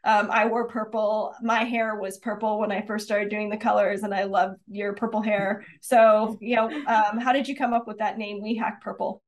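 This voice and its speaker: A woman's voice: mid-range voice, level tone, moderate pace, few pauses. A woman hosting an interview show, chatting casually and praising her guest with enthusiasm. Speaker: podcast host.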